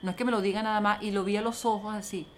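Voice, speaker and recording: An older woman with a Venezuelan accent, telling stories as a guest in an interview, lively and acting out the voices of others. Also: mid-range voice, rapid-fire, slight background noise. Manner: lively, acts out quoted voices, talks to the host by name. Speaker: interview guest, film producer. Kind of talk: animated storytelling interview.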